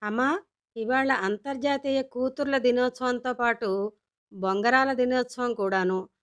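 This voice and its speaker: A woman's voice: on the high side, fairly even intonation, a little slow, close to an everyday voice. A woman voicing a curious, insistent young daughter. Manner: insistent, wheedling questions. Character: curious young daughter, pestering her father.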